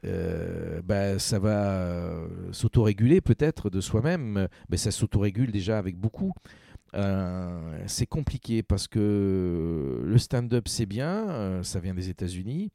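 A man's voice: low-pitched, animated, measured pace, creaky, mellow, dry recording, studio quality. A man in casual podcast conversation, talking emphatically in long run-on stretches full of restarts. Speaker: radio humor station programmer.

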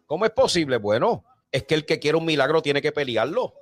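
High-pitched shouting preacher. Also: male voice, very animated, a little fast, dry recording, soft background music. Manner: rising to shouted, repeated exhortations. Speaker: pastor. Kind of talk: fiery Pentecostal preaching.

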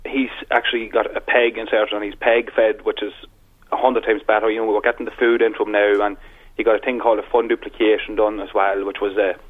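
A man, casually and haltingly explaining as a phone-in guest. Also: lowish voice, little pitch movement. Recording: dull telephone line on radio.

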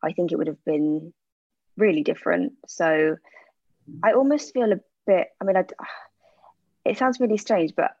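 An aesthetic practitioner gives casual interview answers, chatting candidly and using plenty of fillers. Her lowish, mellow voice moves a little slowly with frequent pauses. There's no echo, though the recording sounds dull and lo-fi.

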